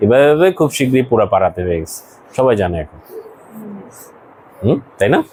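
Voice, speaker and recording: Lively male teacher quizzing a class. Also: mid-range voice, moderate pace, slight background noise, rough recording. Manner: explains word by word, asks students questions. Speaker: English teacher. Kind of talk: classroom lesson.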